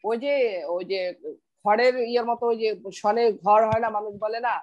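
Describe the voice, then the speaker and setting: A woman's voice: fairly high pitch, steady tone, normal speed, muffled recording, noisy background. A middle-aged woman teaching pronunciation on a video call, patiently repeating words for her students. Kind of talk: online class, explaining pronunciation.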